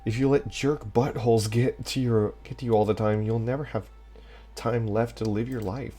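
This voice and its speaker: Man reading as a rueful young woman, soft, quiet, earnest. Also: medium pitch, steady tone, normal speed, slightly rough, soft background music, natural voice.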